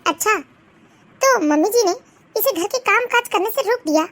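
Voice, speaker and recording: A woman's voice: extremely high pitch, expressive, moderate pace, fairly bright tone. A woman doing a spiteful scheming cartoon sister-in-law. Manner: spiteful, sneering. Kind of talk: Hindi cartoon voice acting.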